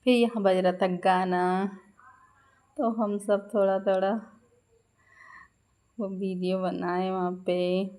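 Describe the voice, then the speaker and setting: A woman's voice: mid-range voice, level tone, slow, long pauses, mellow. A woman in her thirties with a Madhya Pradesh Hindi accent, chatting through a vlog voice-over and laughing often as she tells the story. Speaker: vlogger. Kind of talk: casual vlog voice-over narration.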